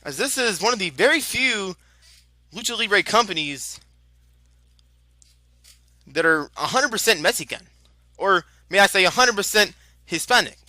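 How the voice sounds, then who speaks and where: A male lucha libre announcer with a high-pitched, sharply bright voice, recorded close and dry. He mixes wrestling play-by-play with promotional plugs. His delivery is chatty and informal, given to exclamation. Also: animated, normal speed, pauses often, dry recording.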